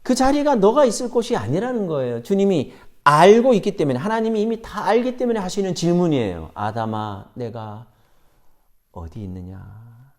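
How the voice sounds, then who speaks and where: Man preaching with lively pitch. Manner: dramatic pauses, acting out quoted questions. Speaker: pastor. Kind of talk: sermon. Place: church sanctuary.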